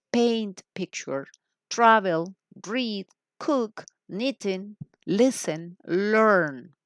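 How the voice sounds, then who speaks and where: A woman teaching English in a recorded lesson, patient and explanatory, slowing down to model phrases with emphasis and asking rhetorical questions. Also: on the low side, dry recording, studio quality.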